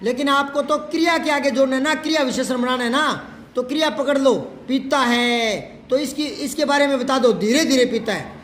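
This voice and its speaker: A man teaching a Hindi grammar lesson to a class, patiently repeating example sentences slowly. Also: very high-pitched, steady tone, fairly bright tone, slight background noise.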